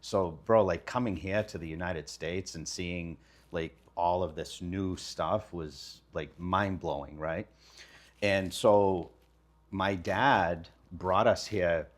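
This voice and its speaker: Low-voiced guest in his fifties from Lebanon, relaxed and candid storyteller. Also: takes it slowly. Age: 50s. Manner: relaxed, candid, talks with casual slang. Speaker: guest, kitchen design business owner. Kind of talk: casual storytelling.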